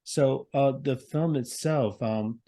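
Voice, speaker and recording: A man moderating a film festival Q&A, asking halting questions with many fillers. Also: medium pitch, dark tone.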